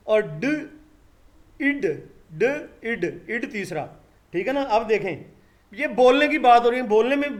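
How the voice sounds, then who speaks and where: A man with a fairly high voice gives a live online English lesson. He speaks, calls his students "beta" and drills each sound slowly and patiently. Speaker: English teacher.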